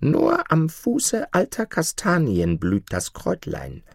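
A man doing a gentle storybook goose, a clever helpful female bird who speaks softly and reassuringly. Her voice sits high, with lively, rising and falling melody and a close, dry sound. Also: slow, vocal fry, husky, dry recording, full character voice.

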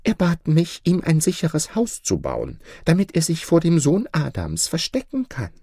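A crafty old carpenter, as a storyteller puts him on, with a lowered, slightly husky voice. He speaks slowly, humble on the surface and sly underneath. Close, dry recording. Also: wildly swooping pitch, warm tone, dry recording, full character voice. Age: older. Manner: pleading and sly.

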